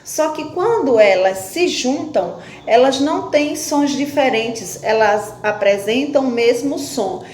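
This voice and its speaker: A primary school teacher leads a classroom phonics lesson, her slightly high, darkish voice full of lively intonation. She speaks slowly and patiently, stretching out syllables as she breaks words apart, and poses questions that she then answers herself. The room is echoey, with faint background noise.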